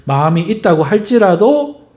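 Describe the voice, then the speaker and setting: A male pastor preaching a sermon, emphatic, swinging in pitch and loudness, and putting rhetorical questions to the congregation. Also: sing-song, normal speed.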